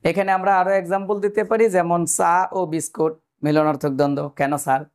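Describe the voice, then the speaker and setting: A man's voice: fairly high pitch, fast, clear, resonant tone. A man teaching an exam-prep grammar lesson, explaining step by step and putting questions to his viewers.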